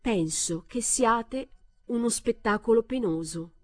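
A woman reading aloud, voicing a long-silent older mother who scolds in a shrill, loud voice. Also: slow pace, no echo, studio quality. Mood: scolding, shrill. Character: silent older mother finally snapping in anger.

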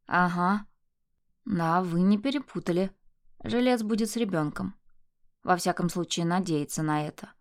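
A woman reading an audiobook, voicing a cruel, abusive husband who sneers and shouts insults. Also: fairly low pitch, moderate pace, natural voice. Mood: mocking. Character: abusive enraged husband, man, cruel and mocking.

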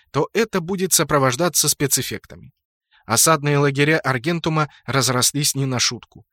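A man reading a first-person fantasy audiobook in a steady, lightly ironic storytelling manner. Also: fairly high pitch, no room sound, clean studio sound. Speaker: audiobook narrator.

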